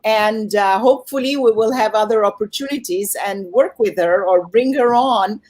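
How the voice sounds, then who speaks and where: Moderating a festival's online Q&A, a woman keeps things conversational as she hosts. She speaks at medium pitch and a moderate pace, her tone a little mellow.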